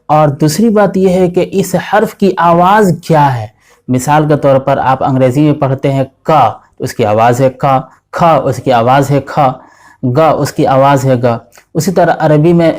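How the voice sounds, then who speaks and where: A man's voice: a little high, a little mellow. A man teaching the Urdu alphabet to children, patiently explaining step by step and drilling each letter four times.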